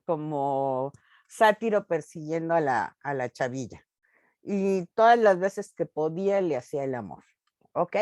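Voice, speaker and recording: A woman teacher talks her students through a story on a video call. She goes slowly, with fillers between her points. Her voice sounds dry and close. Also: lowish voice, darkish tone, dry recording. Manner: slow, explanatory, with fillers. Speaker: literature teacher. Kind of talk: online class discussion.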